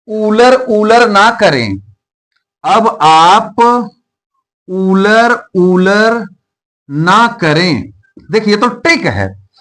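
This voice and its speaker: Male biology teacher, higher pitch; repeats terms, quizzes and answers himself, shares memory tricks. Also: fairly bright tone. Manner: asks questions and answers them himself, repeats key terms. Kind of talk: explaining a biology lesson.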